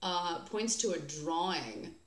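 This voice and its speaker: A woman's voice: fairly low pitch, slow pace, roomy sound. An American woman hosting a beer vlog, chatting casually and sarcastically, with lots of fillers and restarts. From United States. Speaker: beer vlogger host.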